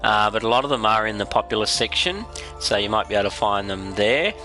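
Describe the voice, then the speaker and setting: Male Australian game streamer, lowish pitch, bright edge, raspy and stuffed up with a cold, casual explainer delivery. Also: animated, brisk, soft background music. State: congested with a head cold. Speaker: game livestream host. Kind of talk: casual livestream commentary.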